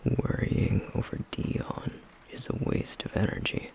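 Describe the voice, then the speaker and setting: The flame demon, stoic and guarded, speaks at a measured pace in a voice close to everyday speech, voiced by a man for an intimate ASMR roleplay. His murmur is breathy and gravelly, his manner terse, deadpan yet caring, and the mood detached and resigned.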